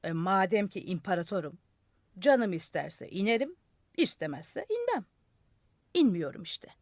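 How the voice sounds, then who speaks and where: Woman voicing a loud, defiant male madman for a storybook; high and jumpy, dry studio sound. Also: very animated, a little slow, no room sound. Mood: haughty. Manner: loud, shouting demands. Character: stubborn madman on a rooftop, gleeful and defiant. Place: radio studio.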